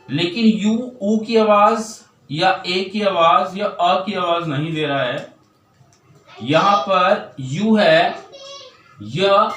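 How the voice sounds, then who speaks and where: A man's voice: sits high, a bit bright, roomy sound, recorded from a distance, poor audio. A man with an Indian accent teaching an English grammar lesson, explaining step by step and answering his own questions. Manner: drawls example words slowly.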